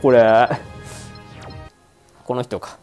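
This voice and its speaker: A man giving casual commentary over a game, excitable and joking as he talks back at the screen. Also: mid-range voice, drawn-out words, faint music behind. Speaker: let's-play streamer.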